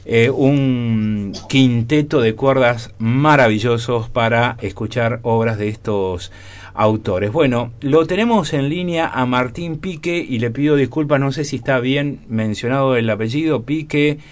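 A man's voice: mid-range voice, unhurried. Chatty Argentine radio host, man. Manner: chatty, enthusiastic, warmly promoting. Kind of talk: radio interview.

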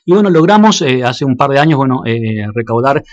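A man's voice: medium pitch, expressive, a little fast, no room sound, muffled recording. A man from Argentina with an Argentine accent, a local radio announcer telling stories in a casual interview, hesitant and full of fillers. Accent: Argentine Spanish. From Argentina, Jacobacci. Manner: hesitant, many fillers and restarts.

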